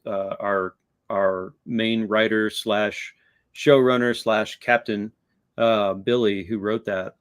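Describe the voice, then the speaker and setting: Male host, lowish voice, reflective, hesitant, casual. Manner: reflective, hesitant, many fillers. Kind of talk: casual chat.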